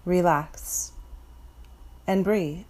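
A woman from Florida leads a guided meditation, her voice slightly low and soft. She speaks very slowly and calmly, with long pauses between her gentle instructions. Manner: slow, soft, calm instructions.

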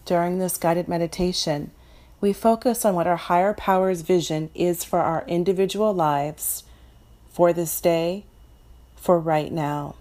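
Slow, calm woman guiding meditation. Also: lowish voice. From Florida. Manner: slow, soft, calm instructions. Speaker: meditation guide. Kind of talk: guided meditation.

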